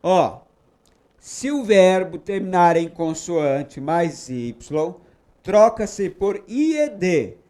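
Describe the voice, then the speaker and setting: A Brazilian man with a high-pitched voice and a Brazilian Portuguese accent teaches English grammar, patient and explanatory yet very animated and mellow. He says each English example sentence slowly and keeps checking in with short "tá?" and "ok?" tags.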